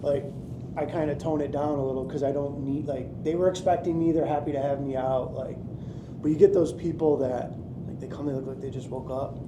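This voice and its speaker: A man's voice: medium pitch, steady tone, a little fast. A man, a sales rep in a casual group discussion, talking chattily and peppering his speech with "like.". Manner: chatty, many "like" fillers. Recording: echoey room with noise.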